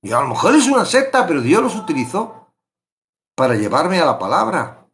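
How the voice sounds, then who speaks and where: A middle-aged man teaching a verse-by-verse Bible study, emphatic and animated, repeating words for stress. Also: fairly high pitch, moderate pace, a little hiss or hum.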